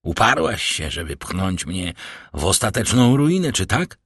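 A man's voice: low voice, very animated, a little slow, fairly bright tone, breathy edge, no room sound, studio quality, full character voice. A man voicing a cold, scheming middle-aged banker who lectures his daughter with sarcastic irony. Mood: tense menace. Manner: stern, ironic, lecturing. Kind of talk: audiobook character voicing.

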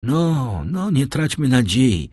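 A frail, anxious old father clinging to hope, voiced by a man reading a storybook. The voice lifts high and wavers. The sound is dry and close. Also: sing-song, slow pace, breathy edge, no room sound, full character voice. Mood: hopeful. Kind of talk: audiobook character reading.

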